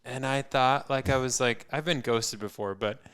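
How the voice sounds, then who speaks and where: A man's voice: mid-range voice, normal speed, fairly bright tone, clear, resonant tone. A man co-hosting a podcast in casual chat, an easygoing storyteller who laughs often. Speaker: podcast co-host.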